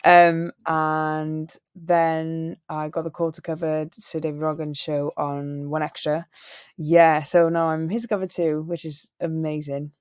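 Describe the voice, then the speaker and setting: A woman's voice: low-pitched, little pitch movement, unhurried, a little mellow, clean tone, dry recording, studio quality. A young woman from Wales, a singer and radio presenter, answering interview questions in an earnest, storytelling way. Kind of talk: interview conversation.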